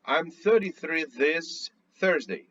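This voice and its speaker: A man teaching English pronunciation, slowly modeling phrases for a student to repeat and praising her. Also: on the high side, lively intonation, a bit bright, highs cut off. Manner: slow, clearly articulated modeling with praise. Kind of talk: drilling pronunciation, repeat-after-me.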